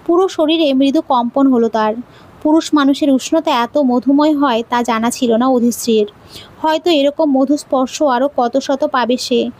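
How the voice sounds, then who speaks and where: A woman narrating a romantic audio story in a steady, expressive reading. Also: high-pitched, normal speed.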